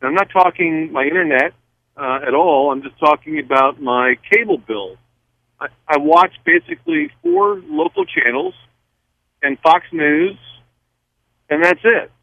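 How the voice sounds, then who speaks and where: A man's voice: on the high side, big pitch swings, unhurried, creaky, pauses often, no room sound. A man calling in to a radio show over the phone, rambling and restarting his questions. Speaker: caller. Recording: tinny phone line.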